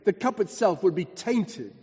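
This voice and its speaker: A man's voice: high-pitched, animated, measured pace, mellow, husky, big-room sound, full character voice. A man preacher voicing an indignant, defensive woman at a well as he retells a story in his sermon. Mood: outraged.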